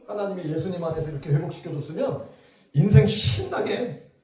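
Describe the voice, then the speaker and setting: A middle-aged man preaching a revival sermon, his mellow voice swinging up and down as he questions the congregation. The sound is very echoey, picked up from some way off the mic. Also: high voice, brisk, recorded from a distance. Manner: lively, talks to the crowd with questions. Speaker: pastor. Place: church hall.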